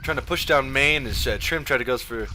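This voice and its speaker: A man giving casual, profane play-by-play of a video game match, full of ums and uhs, with sudden bursts of excitement. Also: mid-range voice, brisk, a little hiss or hum. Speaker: esports caster.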